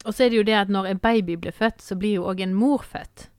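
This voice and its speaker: A woman's voice: mid-range voice, clean tone, no room sound, studio quality. Chatty woman podcast host. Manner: warm, rambling, repeats words and says "sant?" often. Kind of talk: casual podcast chat.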